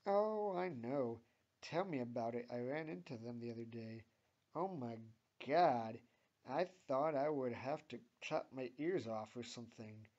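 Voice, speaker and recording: A man's voice: mid-range voice, lively intonation, normal speed, darkish tone. A cocky, sarcastic teenage girl, read by a man with little change from his own voice. The sound is dull and lo-fi.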